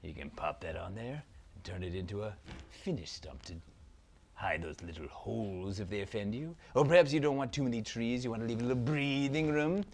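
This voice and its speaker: A haughty sorcerer prince, as a man puts him on, with a low, gravelly voice. He swoops through his lines theatrically, lingering over every word. Now and then he sinks into a conspiratorial stage whisper. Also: lively intonation, a little fast, a little mellow, a little hiss or hum. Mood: pompous. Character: pompous grand male sorcerer villain prince. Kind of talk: comic product skit.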